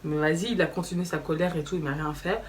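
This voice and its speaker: A young woman telling a story in a casual vlog, animated and slangy, acting out quoted dialogue. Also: deep voice, quick pace. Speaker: vlogger. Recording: slightly distant mic with faint background noise.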